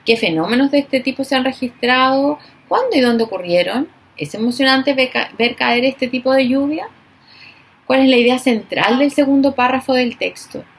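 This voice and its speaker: A woman teacher giving a recorded class, speaking slowly and emphatically and stressing each example word. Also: high voice, slightly rough.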